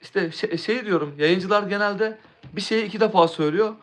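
Young guy streamer rambling along to chat, kinda high voice. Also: a little fast, a little hiss or hum. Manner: rambling, restarts words, answers chat. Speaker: live streamer. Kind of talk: casual live-stream chat.

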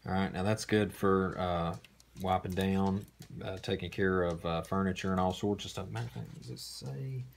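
A man hosting a casual unboxing, talking in a relaxed, rambling way with many fillers, recorded indoors on a camera mic. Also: sits low, normal speed, creaky, a little hiss or hum. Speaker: host. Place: indoor room.

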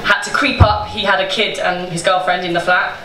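A woman's voice: lowish voice, fairly even intonation, a little fast, a crowd in the background. A young woman on stage telling the story of starting a bakery, chatty, swearing freely and laughing through her words, into a handheld microphone. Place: small indoor event space with a seated audience. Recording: roomy live-event sound, picked up from a distance, with room noise.

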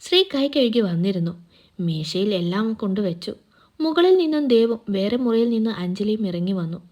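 A woman reads a romance serial aloud in a steady, even narrating voice. Her pitch sits at an ordinary middle height. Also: moderate pace. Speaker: story narrator.

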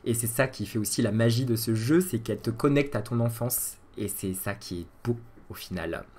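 A man in his thirties chatting casually with his live-stream viewers, animated and laughing at his own jokes. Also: mid-range voice, moderate pace. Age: 30s.

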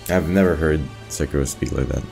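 Deep-voiced young man swearing through a boss fight. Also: fairly quick. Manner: excitable, profane, reacting loudly. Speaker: let's play host. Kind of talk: gaming commentary. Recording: music playing clearly behind. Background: game music.

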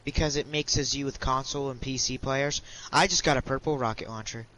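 A man's voice: medium pitch, steady tone, fairly quick, bright, forceful tone, slight background noise, rough recording. A man chatting casually while gaming with a friend, teasing and matter-of-fact. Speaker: gaming partner.

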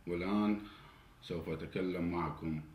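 This Iraqi man in his forties speaks at a normal speed in a low-pitched voice with fairly even intonation, addressing the camera as a political commentator with an Iraqi Arabic accent. His monologue is indignant and becomes more heated and louder. He's recorded in an indoor study with a flag and cabinet, where there's a roomy echo and faint hiss.

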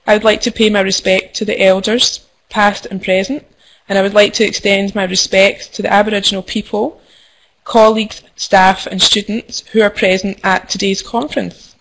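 A young Scottish woman presents to an online conference as a midwife, friendly and a little formal. Her voice sits at a middle pitch, and she often pauses with "um". A faint hiss runs under the web-call audio. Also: level tone, a bit bright, poor audio. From Scotland. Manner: friendly, frequent ums, careful and formal in parts. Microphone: computer mic over web conferencing.

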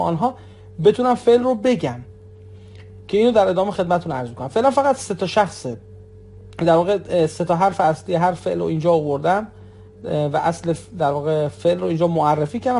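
A man's voice: sits high, darkish tone. A man teaching an online Arabic lesson in Persian, patiently repeating words and addressing listeners as friends. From Iran.

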